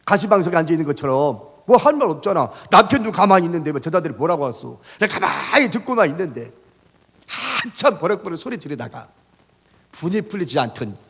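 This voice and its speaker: Male pastor, high husky voice, lively storytelling sermon, long church-hall echo. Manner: animated storytelling with rhetorical questions to the congregation. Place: church sanctuary.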